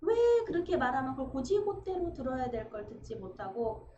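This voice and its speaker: A woman preacher giving a conversational sermon, acting out everyday dialogue with sudden lively bursts. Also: high voice, brisk. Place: church sanctuary. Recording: echoey room, dull lo-fi sound, faint noise.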